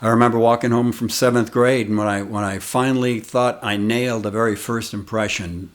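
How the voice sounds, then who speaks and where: An American man in his sixties, a comedian running his own channel, spins a casual, meandering yarn about his beginnings. He speaks in a lowish voice that stays steady, taking his time with each reminiscence.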